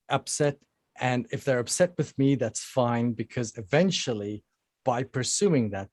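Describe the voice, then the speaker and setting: A musician answering interview questions bluntly over a laptop microphone, with plenty of fillers. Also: male voice, fairly low pitch, darkish tone, no echo, clean studio sound. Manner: blunt and defiant, with many fillers. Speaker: musician guest. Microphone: laptop microphone on a call.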